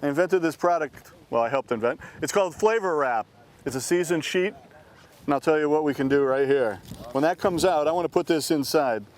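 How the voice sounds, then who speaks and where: A man's voice: fairly high pitch, fairly quick. A man hosting a cooking show on location, chatting in an upbeat, salesman-like way. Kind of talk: casual on-location chat. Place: outdoors at a field camp.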